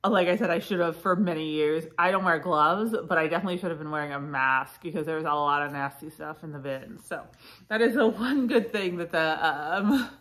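A woman's voice: deep voice, a little fast. Chatty, congested woman vlogger. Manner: chatty, frequent fillers, lively asides. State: congested, sniffly. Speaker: reseller vlogger. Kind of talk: casual haul vlog.

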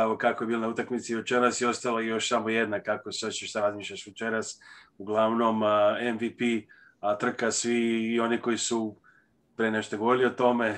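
A man asks a reporter's question at a press conference, stringing clause after clause together. His delivery stays fairly flat and even throughout. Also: lowish voice. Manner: long, rambling, enthusiastic questions.

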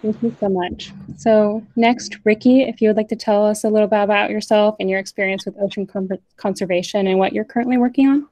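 A young woman moderating a panel on a video call, reading the speakers' bios in a measured, scripted way. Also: mid-range voice, steady tone, warm tone, no echo, low-quality recording.

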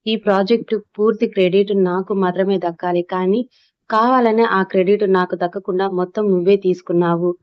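A furious, hurt young wife from a spoken storybook drama, read out by a woman narrator. She shouts her lines in a flat, even tone. The recording is dull and dry. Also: medium pitch, a little fast, dry recording, lightly acted. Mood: angry. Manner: shouting angrily.

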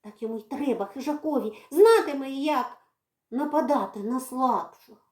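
High-voiced woman, expressive storybook reader, echoey library room. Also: moderate pace. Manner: expressive, dramatic reading. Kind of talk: storybook narration.

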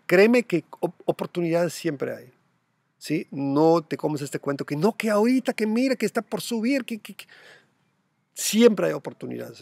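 A man's voice: on the high side, vocal fry, husky, dry recording. A middle-aged man hosting a crypto channel from home, talking casually to camera and squealing when he mimics panicked buyers. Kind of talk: casual direct-to-camera talk.

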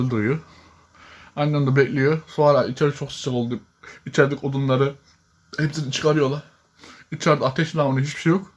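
A man vlogging casually from a village house kitchen, chatty and teasing, often breaking into laughs. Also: on the high side. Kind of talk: casual home vlog chat.

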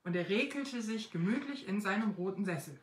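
A woman hosting a live stream, reading a Christmas story aloud in a lively, expressive way, recorded on a phone. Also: medium pitch, a little fast, reverberant. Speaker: host of a craft shop live stream. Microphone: phone, filmed upright.

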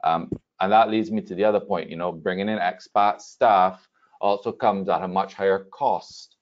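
Man from Barbados, very low voice, steady explainer, dull call audio. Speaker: panelist. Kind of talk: webinar panel talk. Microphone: video call.

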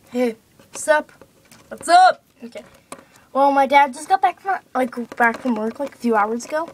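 A female speaker in a casual webcam vlog at home, chatty and excitable, filling her talk with "like". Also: high-pitched, measured pace, long pauses. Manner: chatty, many "like" fillers, excitable.

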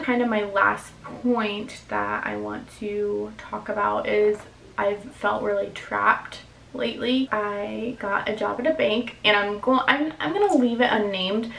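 A woman's voice: mid-range voice, vocal fry, fairly bright tone, echoey room, a little hiss or hum, poor audio. A woman in her twenties talks candidly to the camera in a casual vlog, filling her speech with "like" and "um". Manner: candid, confessional, filler-heavy. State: emotional, near tears. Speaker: vlogger.

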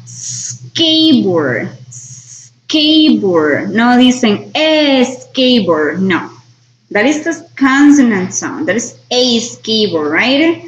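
A woman teaching English grammar in a class, patient and repeating each point with "right?". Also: fairly high pitch. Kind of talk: online class explanation. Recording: roomy, dull sound with faint noise.

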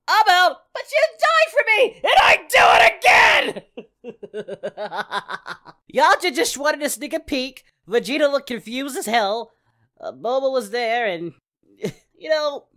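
A woman voicing Goku, a cheerful, goofy adult male martial-arts hero, in an excitable in-character reaction commentary that shouts at the screen. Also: fairly high pitch, heavily acted. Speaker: reaction video host.

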